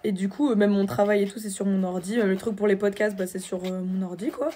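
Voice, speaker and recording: A young woman chatting casually on a podcast, sick, with a hoarse, husky voice like an old man's. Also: mid-range voice, fairly even intonation, fast talker, mellow. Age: young adult. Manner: informal, slangy. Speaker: podcast co-host. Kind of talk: casual chat.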